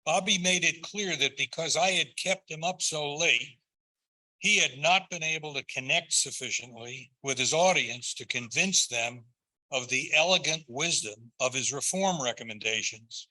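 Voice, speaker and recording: Older man, very bright forceful voice a bit on the high side, reading a tender measured eulogy. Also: rough recording. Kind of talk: prepared eulogy speech.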